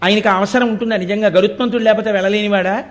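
A man's voice: high voice, steady tone, fast. A man giving a live devotional discourse to an audience, asking rhetorical questions and quoting verses as he explains. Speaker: spiritual discourse speaker.

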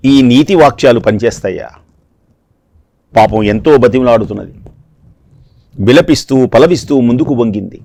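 A man's voice: medium pitch, darkish tone. A man giving a devotional discourse, telling a scripture story dramatically and repeating phrases for emphasis. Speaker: discourse speaker.

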